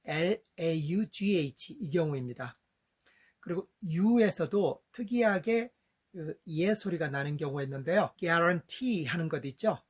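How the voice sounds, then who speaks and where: A middle-aged man, a father, giving a patient step-by-step lesson on English vowel sounds and saying example words slowly. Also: on the high side, expressive, slightly rough.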